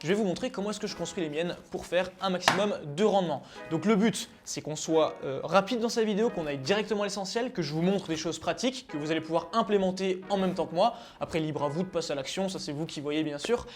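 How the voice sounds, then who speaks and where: A man's voice: sits high, fast, few pauses, soft background music. A man from France who runs a YouTube channel on online selling, leading a screen-share tutorial with energy and speaking directly to his viewers. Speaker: e-commerce YouTuber.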